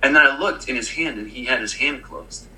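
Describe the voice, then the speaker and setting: A man in his thirties chats casually as a podcast co-host. His voice is very bright and has a middle pitch. He rambles through a story with plenty of fillers and restarts. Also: brisk, rough recording. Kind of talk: casual chat.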